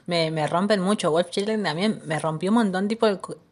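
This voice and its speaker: A woman's voice: lowish voice, brisk. A young woman with a Rioplatense Spanish accent, co-hosting a casual chat with lots of fillers. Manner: chatty, laughing, many fillers. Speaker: podcast co-host.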